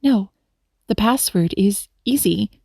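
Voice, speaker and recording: A woman voicing a dainty young schoolteacher in a storybook, talking in a bright, quick, flustered way. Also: mid-range voice, animated, creaky, breathy edge, dry recording, studio quality, full character voice. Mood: eager.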